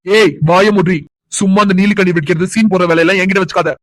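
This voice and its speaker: A man's voice: high voice, fairly even intonation, fast talker, no echo, natural voice. A man voicing a contemptuous young husband in a cartoon drama, delivering scolding tirades. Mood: scornful anger.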